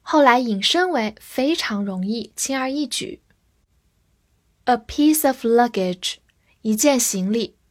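A woman teaching English vocabulary in a scripted lesson, speaking slowly and clearly and spelling out each word letter by letter. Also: fairly high pitch, lively intonation.

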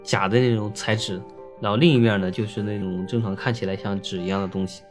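Male storyteller, quick chatty delivery, filler-laden casual ghost tale. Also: fairly low pitch, over music. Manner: chatty, filler-heavy, lively.

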